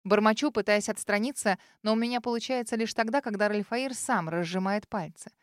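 Dry, expressive woman narrator. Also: medium pitch, fairly quick, dry recording. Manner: expressive, tense dramatic reading. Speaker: audiobook narrator. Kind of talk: scripted first-person fantasy narration.

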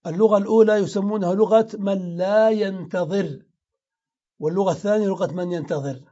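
A man's voice: high-pitched, fairly quick, warm tone. A man giving a classroom grammar lesson, explaining step by step and repeating example words aloud. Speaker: teacher of grammar. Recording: dull lo-fi lecture recording.

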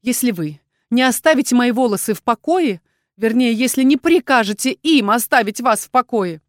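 An indignant young witch, as a woman voices her, loud and high with irritation and quick to snap. The sound is dry and close. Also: expressive, dry recording, natural voice.

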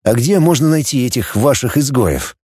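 A man's voice: medium pitch, lively intonation, moderate pace, mellow, husky, dry recording, clean studio sound. A man playing a cynical, blunt male outcast who talks in a sardonic, scornful way. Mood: calm.

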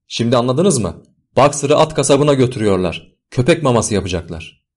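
A man voicing an old grumpy male donkey, shouting urgently in an audiobook. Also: fairly low pitch, big pitch swings, brisk. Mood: frantic shouting.

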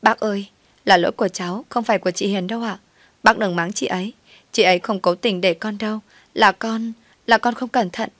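A woman's voice: mid-range voice, steady tone, fairly quick, a bit bright, dry recording, close to an everyday voice. Woman doing a scheming fake-sweet young ex. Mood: feigned tears. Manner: mock-innocent, pleading.

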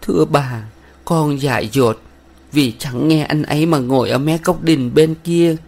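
A man's voice: fairly high pitch, measured pace, voice pushed up. A man voicing a timid, tearful young village woman who pleads in a trembling voice in a read-aloud novel. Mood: pleading.

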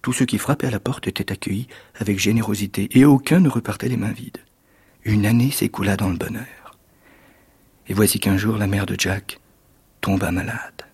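A man, an actor, reading a fairy tale aloud in measured, expressive storytelling narration. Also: lowish voice, slightly rough.

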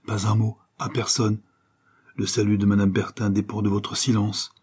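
A man reading an audiobook, voicing a voluble, kindly older woman who runs a boarding house, gushing and effusive with breathy asides. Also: lowish voice, monotone, normal speed, darkish tone. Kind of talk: audiobook character voice.

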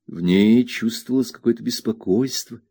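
A man narrating an audiobook in an expressive storytelling manner. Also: medium pitch, normal speed, slightly rough. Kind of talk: scripted narration.

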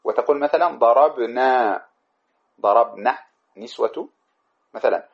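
A man's voice: medium pitch, a little slow, gravelly. A man teaching a lesson on a grammar poem, reciting verses and then explaining them with many examples. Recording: dull lo-fi recording.

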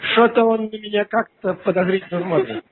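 A man making a prank phone call with deadpan, mock-innocent questions. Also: high voice, a little fast, a little hiss or hum. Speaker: prank caller. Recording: tinny phone line.

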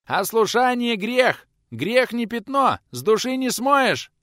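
A man voicing a brash, self-important young church servant who shouts his orders. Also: very high-pitched, very animated, slow, no room sound, clean studio sound, voice pushed up, full character voice. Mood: shrill insistent.

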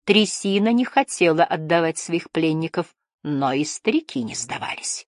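A woman narrating an adventure story in a steady storytelling voice. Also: fairly low pitch, moderate pace, no echo, studio quality. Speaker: audiobook narrator. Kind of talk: scripted narration.

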